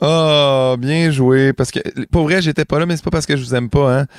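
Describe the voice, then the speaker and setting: Joking Québécois radio columnist, dry studio. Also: male voice, fairly high pitch, fairly even intonation, dry recording. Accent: Québécois French. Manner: joking, self-mocking, quick asides. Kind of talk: comic monologue on morning radio.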